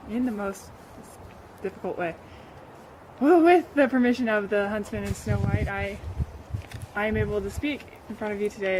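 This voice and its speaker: A woman playing a grieving friend of a slain queen, a sly orator who speaks haltingly, in an amateur play. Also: mid-range voice, a little mellow, a little hiss or hum, close to an everyday voice, rough recording. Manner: halting, hesitant speech-making.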